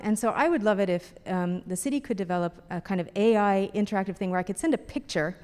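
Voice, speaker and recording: A woman's voice: mid-range voice, darkish tone. Middle-aged woman, chatty, laughs a lot, panel talk, echoing hall. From Canada. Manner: chatty, laughing, many fillers. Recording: reverberant hall.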